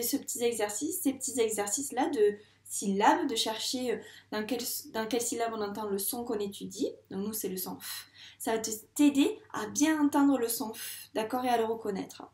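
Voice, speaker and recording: A woman's voice: a little high, a little mellow, echoey room. A woman teacher giving a patient video lesson to a young child, stretching out words syllable by syllable. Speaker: primary school teacher.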